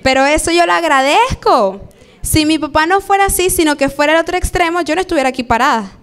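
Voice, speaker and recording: A young Venezuelan woman preaching a live sermon in a church, lively and acting out the voices she quotes. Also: sits high, quick pace.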